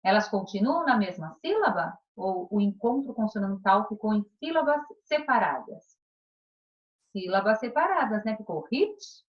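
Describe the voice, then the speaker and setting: Lively Brazilian teacher with a lo-fi sound. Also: female voice, medium pitch, normal speed. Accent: Brazilian Portuguese. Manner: patient, questioning, checks in with "tá?" and "combinado?". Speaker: primary school teacher. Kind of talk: recorded remote class lesson.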